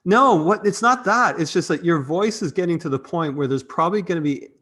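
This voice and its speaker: A man's voice: fairly high pitch, expressive, brisk, fairly bright tone. A man hosting a live marketing show, upbeat and joking in casual chat. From Canada. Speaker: podcast host.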